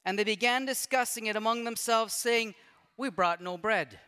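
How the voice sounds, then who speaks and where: A man delivers a sermon from a church sanctuary, his voice high, clear and resonant. He moves between reading scripture aloud and chatting with the congregation. A long reverb from the hall trails every phrase. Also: normal speed, sharp tone. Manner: reads scripture aloud with conversational asides. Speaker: pastor.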